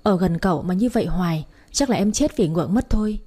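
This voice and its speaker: A woman's voice: lowish voice, lively intonation, quick pace, warm tone, husky. A woman reading a first-person romance story aloud, chatty and speaking straight to her listeners. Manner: chatty, addresses listeners directly. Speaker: story narrator.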